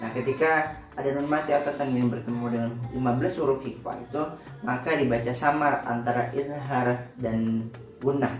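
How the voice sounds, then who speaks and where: A man's voice: mid-range voice, steady tone, normal speed. Male religious-reading teacher, patient explainer who corrects himself often; faint music behind, recorded off-mic. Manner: patient step-by-step explaining with frequent self-corrections. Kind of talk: recorded classroom lesson. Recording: roomy echo, distant from the mic, faint music.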